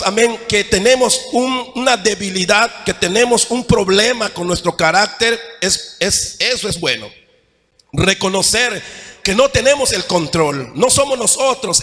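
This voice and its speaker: A man with a Mexican accent preaching a sermon as pastor. He often asks "¿verdad?" and swings between raised, emphatic lines and hushed ones. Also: high-pitched. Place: church. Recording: long church-hall reverb.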